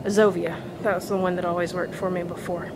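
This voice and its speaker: A woman's voice: on the low side, little pitch movement, fairly quick, very noisy. A woman talking casually and chattily to camera while walking laps, sounding slightly tired. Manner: chatty, informal. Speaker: vlogger. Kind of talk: casual personal vlog talk. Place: walking laps, phone recording.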